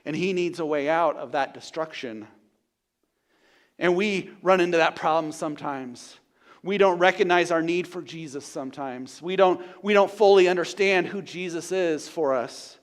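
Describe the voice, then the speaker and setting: High-voiced man preaching a sermon. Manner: builds to loud repeated declarations, then drops to a hushed, slow delivery. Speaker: pastor. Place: church sanctuary.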